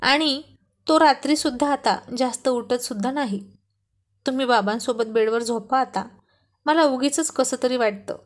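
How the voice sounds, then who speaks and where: A woman voicing a shy, affectionate young wife who gently scolds her husband, in a story read aloud. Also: high voice, normal speed, natural voice. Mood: tender. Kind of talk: storybook reading.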